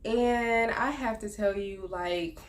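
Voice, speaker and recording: A woman's voice: medium pitch, slow, slight background noise. A woman in her thirties talking earnestly about her life in a personal vlog, reflective and loose, with many fillers. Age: 30s. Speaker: vlogger.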